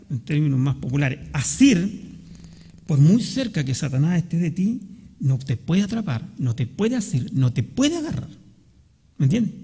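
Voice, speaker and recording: Chilean pastor guy preaching, husky kinda raspy voice, church echo trailing off. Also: on the high side, mellow. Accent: Chilean Spanish. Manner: earnest preaching, often asking the congregation questions. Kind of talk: sermon. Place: church sanctuary.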